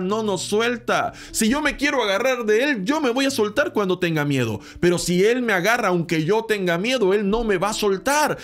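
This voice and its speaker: A man preaching a daily devotional sermon, earnest and emphatic, asking the listener rhetorical questions and slowing down to stress key phrases. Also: high voice, a bit bright.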